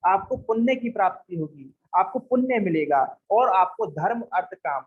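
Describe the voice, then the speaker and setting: A young man lectures like a teacher in a fairly high, husky voice, walking through a text and grounding each point in everyday examples. His speech comes through a dull, muffled recording. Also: expressive, moderate pace. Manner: explains with everyday examples and acted quotes, frequent "theek hai".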